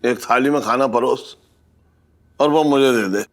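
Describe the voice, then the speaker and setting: A man's voice: medium pitch, measured pace, natural voice. A man playing a boisterous father in a TV sitcom, coaxing with sing-song laughs. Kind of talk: TV sitcom acting.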